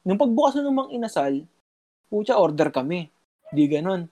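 A man's voice: sits high, big pitch swings, normal speed, dark tone. A young man telling a story in a casual chat, rambling with lots of fillers and mild swearing.

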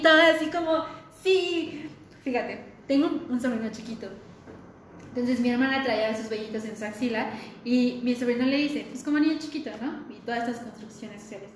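Slangy young Mexican woman, echoey room. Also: high voice. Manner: relaxed and slangy, tells anecdotes with laughs. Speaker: podcast guest. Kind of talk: casual chat. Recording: very echoey room with faint noise.

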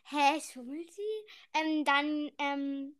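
A woman's voice: high voice, little pitch movement, slow, a bit bright. A woman in casual, playful chat, asking questions as a partner in a challenge.

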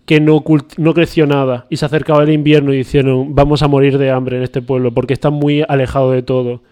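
A man's voice: medium pitch, level tone, fairly quick, a little mellow. Joking male podcast host, mock-serious. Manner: joking, riffs into absurd improvised stories, mock-serious. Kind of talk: casual chat.

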